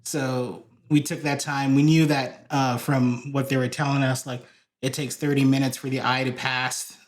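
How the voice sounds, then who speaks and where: In a relaxed podcast interview, a church video director from Hawaii tells meandering stories, often restarting and filling gaps with fillers. He speaks at a moderate pace in a mid-range voice with a level tone.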